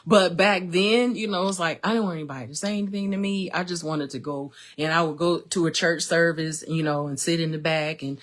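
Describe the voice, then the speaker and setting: A woman's voice: low-pitched, fairly quick, hardly any pauses. A woman, speaking casually and emotionally with many fillers as she hosts her own live stream. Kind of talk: personal testimony, casual talk.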